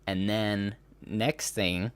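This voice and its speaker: A man's voice: on the low side, fairly even intonation, very slow, clean tone, dry recording. A man hosting a podcast in casual chat, rambling and laughing as he breaks into mocking impressions. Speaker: podcast host.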